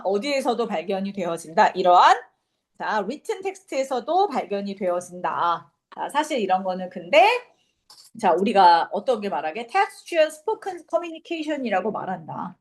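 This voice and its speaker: A young woman teaching an English class, lecturing casually and quizzing her students. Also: medium pitch.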